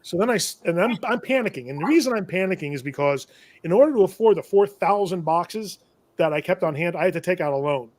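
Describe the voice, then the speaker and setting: A man's voice: high voice, expressive, fast talker, darkish tone, dry recording. A man who sells tools to shops, telling a long business story in a casual, rambling way, often correcting himself and chuckling at his own trouble. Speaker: shop owner and tool vendor. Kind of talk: casual storytelling on a live show.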